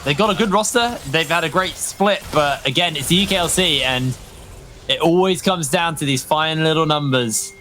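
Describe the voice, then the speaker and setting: Bright, slightly high male esports caster. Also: moderate pace. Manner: joking, teasing. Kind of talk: color commentary and banter. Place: caster desk, studio. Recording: faint music behind.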